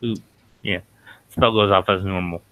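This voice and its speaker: A man's voice: low voice, fairly even intonation, moderate pace, pushed and bright, a little hiss or hum, poor audio. A man narrating as game master, hesitant and full of fillers.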